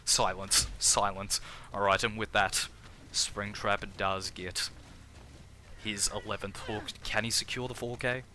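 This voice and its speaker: Australian male streamer-caster with a lowish, bright voice, chatty and quick to restart his lines. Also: slight background noise. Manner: energetic, chatty, restarts phrases, laughs at own jokes. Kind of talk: live game commentary.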